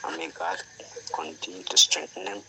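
A man, a listener, heard through a voice message played back on air, speaking softly and earnestly, some words close to a whisper. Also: normal speed, rough recording. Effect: played-back phone voice message. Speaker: listener sending greetings.

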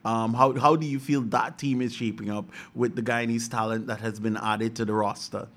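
A man's voice: mid-range voice, fairly even intonation, moderate pace, a bit bright, a little hiss or hum. A man hosting a radio segment, asking questions politely. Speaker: radio host. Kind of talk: radio interview.

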